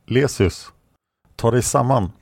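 A man's voice: medium pitch, vocal fry, a little mellow, dry recording, clean studio sound, voice pushed up. A man reading aloud and voicing a worried male mentor in a storybook. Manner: worried, urgent.

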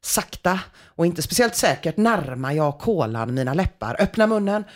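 A podcast host reading listeners' embarrassing stories aloud in a dramatic way, dropping to a hush and then rising again. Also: mid-range voice, sing-song. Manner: dramatic reading, swinging between loud and hushed.

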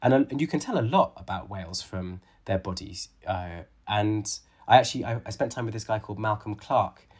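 Speaking a little fast with hardly any pauses, this biologist and author in his late thirties has a fairly low, slightly rough voice. As an interview guest he is thoughtful and conversational, though his speech is full of restarts and fillers.

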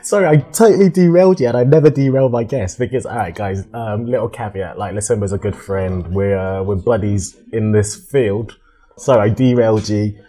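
Playful male podcast host, low voice. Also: moderate pace, dark tone. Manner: playful, laughs and jokes with guest. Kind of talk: casual interview chat.

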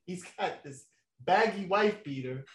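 A young man spins a rambling story in a relaxed, slangy way, laughing between lines. His voice sits a little high for a man. The room around him is echoey. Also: slow pace. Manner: laid-back, laughing, slangy, many fillers. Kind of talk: casual storytelling chat.

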